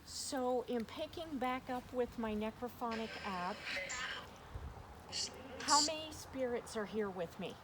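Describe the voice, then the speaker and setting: A woman's voice: on the high side, measured pace, pauses often. A woman hosting a spirit box session, putting questions to spirits aloud and often repeating herself. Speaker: paranormal investigator host. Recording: noisy recording with clicks.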